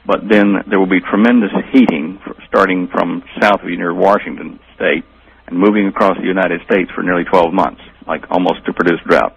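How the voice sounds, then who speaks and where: A man's voice: low-pitched, fairly even intonation, a little fast, creaky, breathy edge. A man speaking as a guest expert on a radio show over a long-distance phone line, rambling with many fillers.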